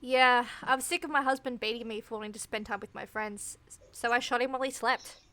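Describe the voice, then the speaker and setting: A woman's voice: fairly high pitch, steady tone, brisk, sharp tone. A woman reading a blunt, defiant accused killer. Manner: blunt, sardonic. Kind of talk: comedic table read.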